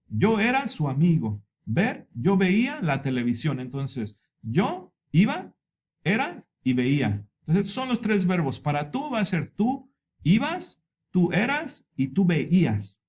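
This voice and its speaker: A male teacher with a fairly high voice that swoops up and down as he explains grammar. He goes over each point patiently and repeats it for his learners. Example words come out drawn-out and deliberate. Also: slightly rough. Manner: stretches example words out slowly. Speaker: Spanish teacher.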